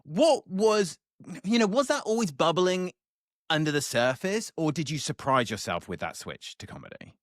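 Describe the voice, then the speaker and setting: A man hosts a casual podcast interview in an earnest, conversational way. His pitch moves around a lot as he talks, and the recording is dry and close. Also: big pitch swings, moderate pace, no room sound. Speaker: podcast host.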